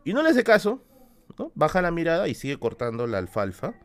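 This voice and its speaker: A young man with a Peruvian accent spins a spooky tale for his stream audience. His pitch jumps up and down a lot as he narrates in a relaxed, chatty way. He keeps checking in with quick tag questions. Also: clean tone. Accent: Peruvian Spanish. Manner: animated, tags lines with "¿no?". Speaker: streamer host. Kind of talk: casual spooky storytelling.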